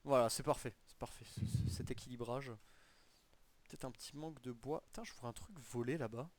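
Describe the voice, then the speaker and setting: A man's voice: mid-range voice, fairly quick. A young man giving casual gameplay commentary as a video host, using colloquial street slang and swearing.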